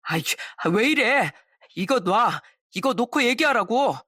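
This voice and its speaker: A woman's voice: fairly high pitch, lively intonation, a little slow, fairly bright tone, no room sound, studio quality, voice pushed up. A woman voicing an evasive cheating husband who makes defensive, pleading excuses in a story drama.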